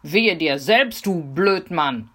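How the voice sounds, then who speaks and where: A woman doing a shrill, cheeky girl. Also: huge pitch swings, measured pace, slightly rough, heavily acted. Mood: defiant. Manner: shrill and defiant. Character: bold, cheeky young girl.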